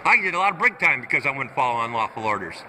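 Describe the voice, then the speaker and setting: A protesting man arguing combatively with an officer, shouting and lecturing. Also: mid-range voice, very animated, racing, slight background noise, low-quality recording. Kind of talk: heated argument. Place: large capitol rotunda.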